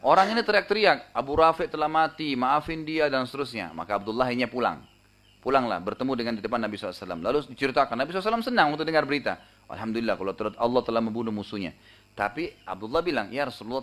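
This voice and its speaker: A male preacher races through a lively story in a religious lecture. His voice sits at an ordinary pitch, and he keeps checking in with his listeners through quick tag questions. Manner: animated retelling, frequent tag questions, voices the quoted people. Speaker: Islamic preacher.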